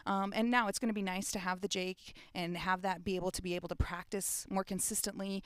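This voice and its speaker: A middle-aged woman talks quickly and casually as a radio guest. Her voice is smooth and crisp, recorded dry and close. She is chatty and easygoing about her own mistakes. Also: mid-range voice, level tone, no echo. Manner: quick, chatty, laughs at herself. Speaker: compliance officer and guest.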